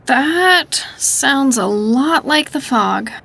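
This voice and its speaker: A woman's voice: sits high, expressive, drawn-out words, gravelly, a bit bright, exaggerated voice. An actress playing a sarcastic, skeptical young woman investigator in an audio drama. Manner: dry, sarcastic.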